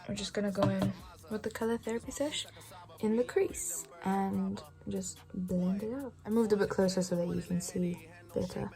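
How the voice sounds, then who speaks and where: A 21-year-old woman, chatting casually through a makeup tutorial in a relaxed, often half-whispered way. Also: mid-range voice, moderate pace, soft background music. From England. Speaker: beauty vlogger.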